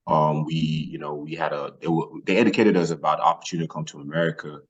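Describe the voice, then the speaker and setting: Sprinkling his talk with "you know" and "man," a northern Nigerian ex-athlete shares his story on a podcast in a relaxed, colloquial way. He has a steady bass voice and speaks fast, and the recording's highs are cut off.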